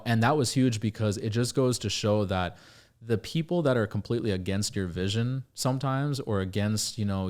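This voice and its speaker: A man's voice: lowish voice, a little mellow. Emphatic, cursing man on a podcast. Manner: emphatic, profane, motivational. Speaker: podcast host. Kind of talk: casual podcast chat.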